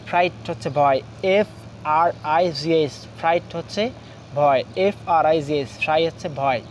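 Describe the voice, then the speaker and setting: A man teaching a spoken English lesson, drilling spellings quickly in Bengali and speaking halting English with many fillers. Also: fairly high pitch, a little hiss or hum.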